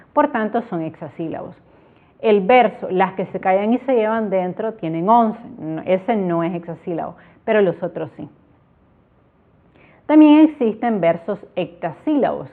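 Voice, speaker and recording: A woman teacher walks through a poetry lesson step by step, clapping out each syllable as she explains. Her voice sits at a middle pitch. The sound is thin and tinny, like a phone line. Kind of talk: online grammar tutorial.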